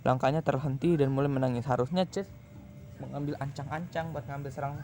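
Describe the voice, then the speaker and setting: A man's voice: medium pitch, steady tone, fairly quick, darkish tone, slight background noise. A man with an Indonesian accent reading fan fiction aloud casually, breaking off into slangy asides. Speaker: story reader.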